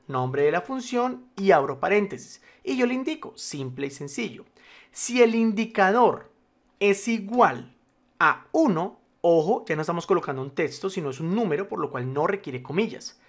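Spreadsheet instructor, male, animated up-and-down delivery, patient and reassuring, keeps checking the viewer follows. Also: sits high. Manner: formal address to the viewer, patient step-by-step explaining. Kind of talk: screen-recorded software tutorial.

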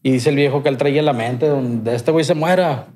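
A man's voice: medium pitch, brisk, darkish tone, slight background noise. Slangy Sinaloan man telling a story. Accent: Sinaloan Mexican Spanish. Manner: slangy and rambling, heavy swearing. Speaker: podcast guest. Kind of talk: casual storytelling.

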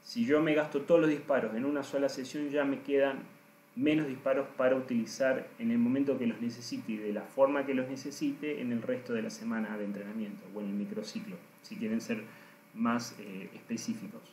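A man, a coach giving a deliberate, emphatic lesson and speaking straight to his listeners. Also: mid-range voice, steady tone, darkish tone, a little hiss or hum. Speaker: coach teaching trainers. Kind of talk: recorded lesson. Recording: roomy echo.

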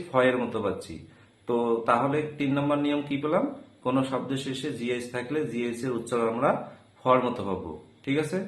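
A man teaching an English pronunciation lesson in Bengali, spelling out each example word slowly and repeating it. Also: mid-range voice, echoey room, rough recording. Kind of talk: video lesson.

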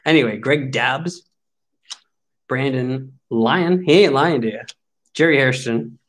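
A man's voice: mid-range voice, slow. A man in his forties talks through opening packs of cards in an easy, chatty way. His voice sits mid-range, and he keeps up a wry, mock-grumbling commentary on each pull. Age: 40s. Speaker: card break host. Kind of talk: casual card-opening commentary.

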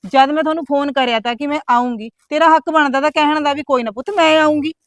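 A woman's voice: high voice, steady tone, dry recording, close to an everyday voice. A middle-aged woman playing an aggrieved younger sister who rattles off complaints in a village family drama. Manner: complaining, rapid-fire grievances.

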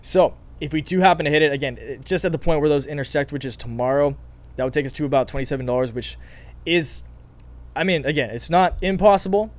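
A young man hosting a casual stock analysis vlog, his voice raspy and starting to go, rambling with many repeats and fillers. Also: on the high side, fast talker. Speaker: stock market video host.

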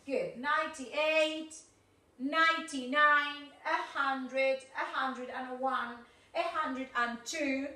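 A woman with an Argentine accent teaches English to children in a slow, high, lively voice. She drills words one by one and switches to Spanish to explain. Her voice is bright, echoey, and from off-mic. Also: recorded from a distance. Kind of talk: recorded online class for children.

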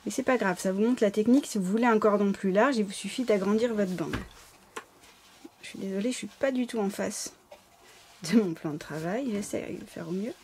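A woman's voice: medium pitch, brisk, a little mellow, a little hiss or hum. A woman with a slight lisp giving informal, apologetic, step-by-step craft instructions as a tutorial host. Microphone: camera placed close over the work table.

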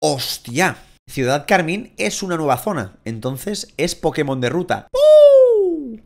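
Young male Spanish-accented gaming host, lively pitch, crude and excitable, swearing through his playthrough commentary. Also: unhurried, creaky. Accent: Spain Spanish. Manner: excitable, crude, swears a lot, shouts at the game. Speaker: gaming YouTuber. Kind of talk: casual Let's Play commentary.

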